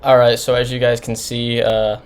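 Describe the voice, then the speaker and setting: Guy reviewing an album, mid pitch, rambly and casual, keeps restarting. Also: little pitch movement, normal speed, crowd noise. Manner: rambling, informal, many restarts. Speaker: music reviewer.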